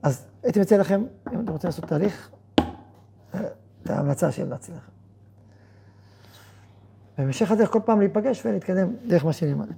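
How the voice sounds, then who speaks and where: A man, a rabbi, teaching a Torah lesson to students, playing out both sides of imagined conversations with quick rhetorical questions and then explaining in a softer tone. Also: high-pitched, lively intonation, gravelly, slight background noise. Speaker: rabbi and yeshiva head.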